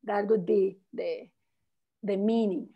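With a medium-pitched, creaky voice and fairly even intonation, she takes it slowly, and the highs are cut off. The local guide from Mexico, whose first language is Spanish, speaks with a Mexican accent while answering questions on a video-call virtual tour, friendly and explanatory, tagging her phrases with "no?".

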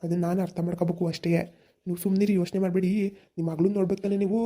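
A woman's voice: on the low side, flat delivery, racing, mellow, close to an everyday voice. A woman voicing a kind young village man in a cartoon, insistent and reassuring. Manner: insistent, reassuring, talks over worries. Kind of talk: cartoon voice acting.

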